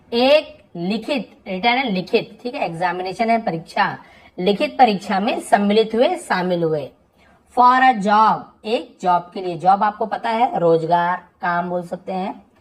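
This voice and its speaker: A woman teacher in a mid-pitched voice, leading a translation lesson one word at a time. She reads each English phrase slowly and deliberately, then repeats its meaning. She keeps her students engaged with rhetorical questions. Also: low-quality recording.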